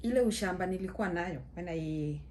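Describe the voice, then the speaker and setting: A Kenyan woman in her thirties, speaking with a Kenyan accent in a lowish, darkish voice, tells a story to the camera as a vlogger. She talks slowly and chattily, full of fillers and sprinkled with Swahili phrases, from a small room at home with slight background noise.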